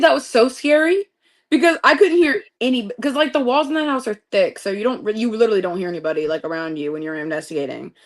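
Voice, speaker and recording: A woman co-hosting a podcast, telling stories in a quick, animated, casual way. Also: a little high. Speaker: podcast co-host. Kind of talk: casual chat.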